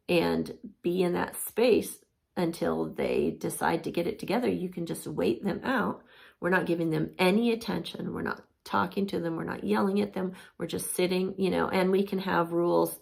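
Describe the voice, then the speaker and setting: A woman talks parents through discipline methods in a loose, conversational way, full of fillers, and sometimes slips into the phrases a parent would say. Her voice sits low and carries a heavy, gravelly fry. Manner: chatty, many fillers, acts out parent phrases. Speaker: parenting course teacher. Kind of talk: casual teaching talk.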